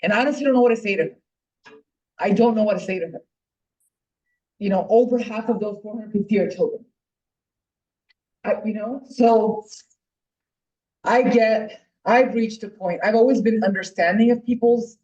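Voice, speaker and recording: A woman's voice: mid-range voice, darkish tone. Earnest woman speaking from afar. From Puerto Rico. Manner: earnest, heartfelt, with frequent fillers and restarts. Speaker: guest speaker at a political club meeting. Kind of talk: impassioned personal speech. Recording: distant, dull lo-fi room recording.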